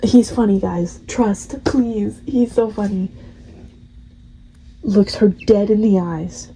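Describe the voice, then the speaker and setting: A woman's voice: mid-range voice, slow pace, dark tone, a little hiss or hum, rough recording. A young woman hosting a gaming channel, rambling casually through a game's story and laughing at it. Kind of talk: casual story recap of a game.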